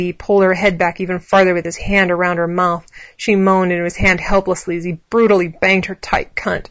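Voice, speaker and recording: A woman narrating an erotic story in a steady, even reading voice. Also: fairly low pitch, no echo, highs cut off.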